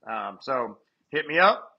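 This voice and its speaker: A man's voice: mid-range voice, husky, highs cut off. A man, a baseball hitting coach, chatting as a podcast guest and telling stories with laughs. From Texas. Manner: laughing storyteller, quick and animated. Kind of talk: casual podcast chat.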